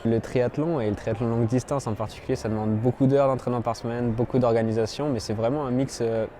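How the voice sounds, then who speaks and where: Young man from France, mellow tone, hesitant with fillers, faint traffic outside. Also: medium pitch, steady tone, quick pace. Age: 20s. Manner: hesitant, many fillers and restarts. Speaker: amateur triathlete. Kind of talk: personal interview monologue.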